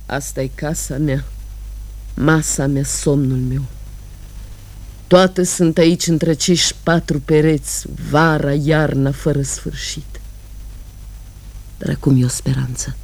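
A worn-out sister in a radio play. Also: female voice, low voice, steady tone. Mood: brooding. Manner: shifts between shouting and whispering. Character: weary woman tending her sick sister. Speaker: radio drama actress. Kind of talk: radio drama monologue.

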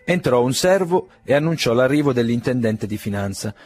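A man narrating a classic novel in a measured, gently ironic audiobook reading. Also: medium pitch, animated, faint music behind.

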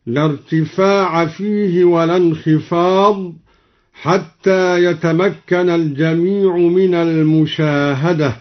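A man teaching recitation readings, explaining each one slowly and intoning the quoted verses in a measured way, on a dull archival radio recording. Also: sits high.

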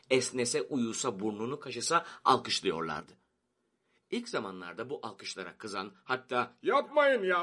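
A man reading a satirical story aloud as an audiobook, with expressive, lively storytelling. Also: medium pitch, husky. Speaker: narrator.

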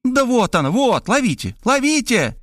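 A brash, bossy woman with a high, sharp voice snaps out impatient commands and scolding, as a male audiobook reader puts her on. Her delivery swoops up and down with lively pitch. The sound is dry and close. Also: moderate pace, no echo, exaggerated voice. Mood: impatient, commanding. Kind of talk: audiobook character voice.

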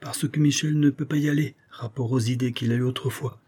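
A man's voice: mid-range voice, steady tone, fairly quick, darkish tone, husky, pitched above the performer's own voice, lightly acted. A male audiobook reader voicing a talkative, good-hearted working man who fusses over his guest. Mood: cheerful. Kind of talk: audiobook character voice.

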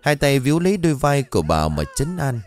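A man narrating a ghost story in an expressive, dramatic storytelling manner. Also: medium pitch, a little fast, faint music behind.

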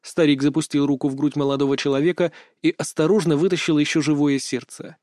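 A male audiobook narrator with a slightly high, mellow voice, reading in an even, measured way. The recording is dry and close-miked. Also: no echo.

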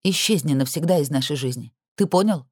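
A man voicing a cold, composed wealthy woman who speaks quietly but firmly and with disdain. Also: low-pitched, expressive, fairly quick, slightly rough, no echo, clean studio sound.

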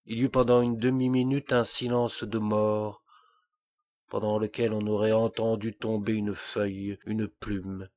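A man reading a classic tale aloud as audiobook narration, measured and deliberate. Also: fairly low pitch, level tone, darkish tone. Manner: slow, measured storytelling. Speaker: audiobook reader.

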